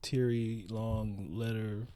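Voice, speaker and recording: A man from South Central Los Angeles, co-hosting a podcast in loose, slangy casual chat, acting out quotes in high put-on voices. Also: little pitch movement, takes it slowly, warm tone. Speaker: podcast co-host.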